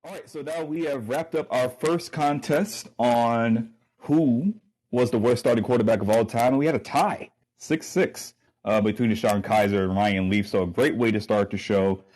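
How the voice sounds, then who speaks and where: A man's voice: medium pitch, moderate pace, darkish tone. A man hosting and moderating a sports debate show, easygoing and full of ums. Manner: easygoing, filler-heavy moderator.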